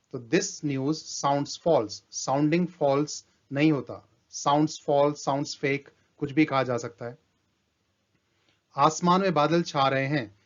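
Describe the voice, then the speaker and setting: Teacher guy, slow and careful, kinda high voice, muffled lo-fi audio. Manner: slow and deliberate, reads English examples out word by word. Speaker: English teacher. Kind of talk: grammar lesson. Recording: dull lo-fi sound.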